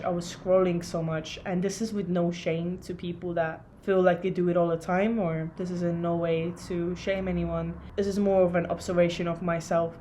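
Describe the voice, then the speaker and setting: A young woman from Estonia talking to a camera in a casual, reflective vlog, soft and searching, with many pauses. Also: lowish voice, a little hiss or hum. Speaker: vlogger.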